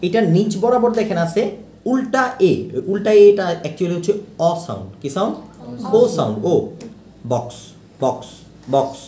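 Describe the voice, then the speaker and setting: A man gives a pronunciation lesson, saying each example word again and again and checking in with questions. His voice sits a little high and moves up and down a lot. The room is echoey, with a faint hiss behind him. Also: very animated, darkish tone. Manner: repeats example words slowly, asks questions. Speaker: English teacher. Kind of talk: teaching pronunciation.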